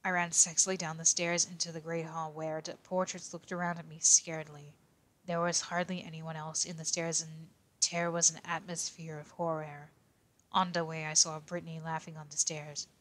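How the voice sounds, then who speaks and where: A reserved teenage boy detective, played by a woman, reads a silly story aloud in a low, level voice. He keeps an almost monotone delivery and stumbles over strange words. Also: normal speed. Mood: deadpan reading. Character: young male teen detective, quiet and reserved. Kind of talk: in-character reading of a fanfic.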